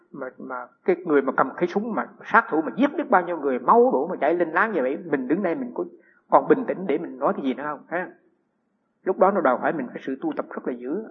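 With a husky, slightly high voice, a Buddhist monk tells stories during a dharma talk and asks his listeners rhetorical questions. The recording is dull and lo-fi, trailed by a long hall reverb.

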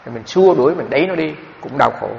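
A man's voice: on the high side, lively intonation, quick pace, vocal fry. A man, a Buddhist monk, giving a dharma talk on meditation, telling stories with many repeated fillers. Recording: dull recording with long hall reverb and faint background noise.

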